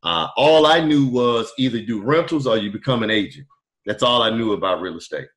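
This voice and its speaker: A middle-aged man, a podcast guest, telling his story in a relaxed, rambling way with many fillers over a video call. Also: medium pitch, fairly quick. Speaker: podcast guest, truck driver turned wholesaler. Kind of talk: casual storytelling interview. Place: indoor room, video call. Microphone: webcam on video call.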